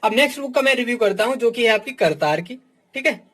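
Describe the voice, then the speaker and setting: A man's voice: extremely high pitch, expressive, quick pace, fairly bright tone. A man coaching exam students in a casual teaching talk, blunt and frank in his views, who addresses them as "my dear" and tacks a "theek" onto almost every phrase. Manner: fills nearly every phrase with "ठीक"; talks straight to students, calling them "my dear". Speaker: exam coach reviewing books.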